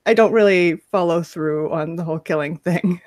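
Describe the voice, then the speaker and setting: A woman's voice: lowish voice, moderate pace, a little mellow. A woman playing a tabletop game, talking casually and hesitantly with many fillers and some laughter. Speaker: player.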